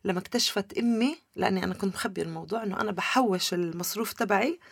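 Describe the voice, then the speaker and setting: Fast-talking Levantine Arabic woman with slight creak. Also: mid-range voice, dry recording, studio quality. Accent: Levantine Palestinian Arabic. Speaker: interview guest. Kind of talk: personal storytelling in a conversational interview.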